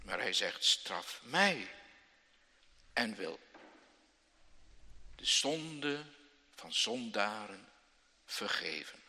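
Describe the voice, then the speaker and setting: A man gives a children's sermon at an unhurried pace, with a bright, forceful tone. His voice carries a long reverb from the church hall. He tells the story dramatically and often turns to his young listeners with questions. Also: fairly low pitch, sing-song. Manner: slow, dramatic storytelling with sudden loud outbursts and questions to listeners. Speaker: pastor.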